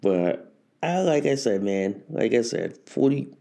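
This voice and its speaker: A man in his forties hosts a relaxed solo podcast with a mid-range, very animated voice that is unhurried, creaky, and dark in tone. He drifts and repeats himself, often starting phrases over.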